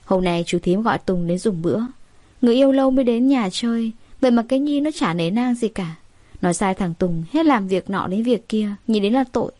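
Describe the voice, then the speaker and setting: A woman narrating a story in the first person, in a lively, conversational way. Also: medium pitch, fairly quick, dry recording. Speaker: audiobook narrator.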